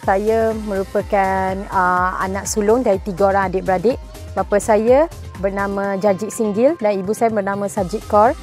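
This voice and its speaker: A woman's voice: mid-range voice, normal speed, faint music behind. Chatty young woman, interview. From Kuala Terengganu, Malaysia. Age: young adult. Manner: relaxed, chatty, mixing in English words, frequent "uh" fillers. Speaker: interviewee, university student. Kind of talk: interview answers. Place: outdoor garden.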